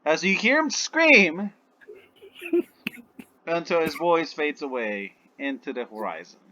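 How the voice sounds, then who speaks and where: A man narrating a tabletop game as its game master, with a slow pace and a lively, swooping delivery. His voice is bright and fairly high, carried on muffled, lo-fi audio. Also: slight background noise.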